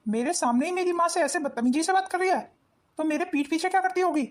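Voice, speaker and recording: A woman voicing a hot-tempered, abusive young husband in an animated cartoon, harsh and bullying. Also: extremely high pitch, quick pace. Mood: angry.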